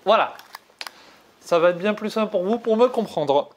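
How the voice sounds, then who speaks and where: A woman's voice: medium pitch, lively intonation, normal speed, darkish tone, slight background noise. A woman hosting her video channel, chatting playfully with many hesitations. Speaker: YouTuber. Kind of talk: casual chat.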